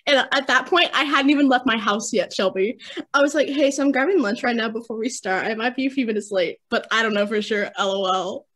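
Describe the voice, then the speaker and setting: A woman's voice: a little high, brisk, a bit bright. A twenty-year-old woman from Texas co-hosting a casual podcast chat, giggly and rambling, with self-mocking humor. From Texas, USA. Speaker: podcast co-host. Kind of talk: casual chat among friends.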